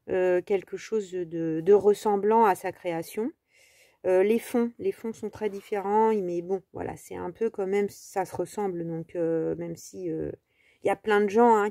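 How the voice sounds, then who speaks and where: French lady rambling through a craft tutorial, soft dark voice, dry close mic. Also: mid-range voice, dry recording. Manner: chatty, rambling, many fillers.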